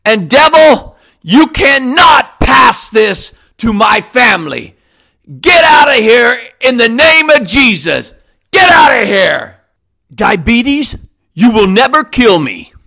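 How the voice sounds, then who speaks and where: High-voiced man shouting a healing prayer. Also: very animated, slow, vocal fry. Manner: commanding, forceful, repetitive declarations.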